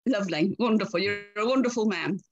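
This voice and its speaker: A woman author chatting as a podcast guest, talkative and quick to laugh as she tells stories. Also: medium pitch, muffled recording. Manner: chatty, laughs often, lively storyteller. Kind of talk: casual interview chat.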